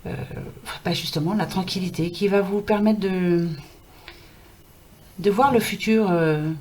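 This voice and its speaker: A woman's voice: medium pitch, unhurried, a little mellow. A French woman giving a casual card reading, chatty and reassuring, with a scratchy throat and a fading voice. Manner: chatty, reassuring, many fillers. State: scratchy throat, losing her voice. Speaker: card reader. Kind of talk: casual tarot reading to camera.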